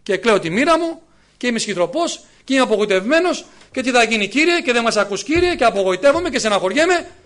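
A man's voice: very high voice, very animated, a bit bright. A man in his fifties preaching a sermon, emphatic and full of rhetorical questions to the congregation. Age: 50s.

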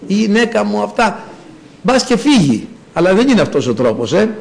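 A male preacher delivering a sermon, emphatic and conversational. His voice sits fairly high for a man and swings through a very animated range of pitch. He repeats phrases for effect and turns aside to address his listeners directly. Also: creaky.

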